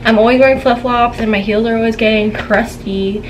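Young woman vlogger, chatty and giggly haul talk, higher voice, background noise, home room, camera mic. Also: fairly even intonation, a little fast, poor audio. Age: young adult. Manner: chatty, giggly, gossipy storytelling. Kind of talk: casual haul chat. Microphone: camera on a tripod, seated.

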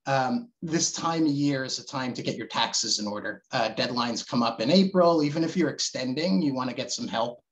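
A man hosts a video call panel, talking loosely and restarting phrases. His voice sits in a middle pitch. He fills gaps with frequent uhs and ums. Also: moderate pace, hardly any pauses, rough recording. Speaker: webinar moderator.

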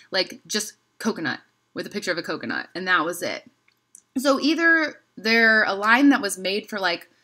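Young woman, bright tone, rambly haul-vlog talker, recorded at home on the camera mic. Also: mid-range voice. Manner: chatty, rambling, lots of "like" and trailing off. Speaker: candle haul vlogger. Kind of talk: casual haul review to camera. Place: indoors, home room.

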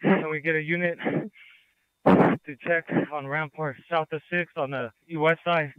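A man's voice: a little high, steady tone, a little slow, smooth, no echo. A male police officer giving clipped, directive status reports from the field over a police radio. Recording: dull lo-fi police scanner radio.

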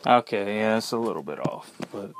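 A man's voice: fairly low pitch, animated. Casual guy over noisy homemade recording. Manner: plain-spoken, informal, halting. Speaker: amateur YouTube product reviewer. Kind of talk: casual unscripted product demo. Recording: noisy homemade tablet recording, uneven level.

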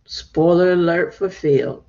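A woman teaching from the Bible in a sermon, reading scripture and breaking in with expressive asides and praise. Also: lowish voice, a little slow. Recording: dull lo-fi recording.

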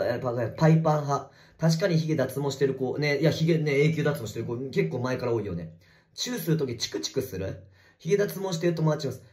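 A man livestreaming from a bathroom, reading viewer comments in casual chat and swearing at commenters in a rough, teasing way. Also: medium pitch, darkish tone. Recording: echoey bathroom.

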